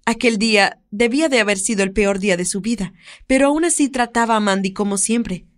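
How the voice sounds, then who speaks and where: A woman narrating an audiobook romance in an expressive storytelling read. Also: medium pitch, brisk. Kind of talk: scripted narration.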